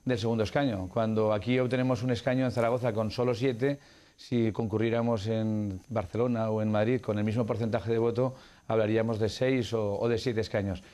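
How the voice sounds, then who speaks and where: A man's voice: lowish voice, steady tone, brisk, dark tone. A middle-aged man who is a political candidate, giving formal, argumentative interview answers with frequent hesitant fillers.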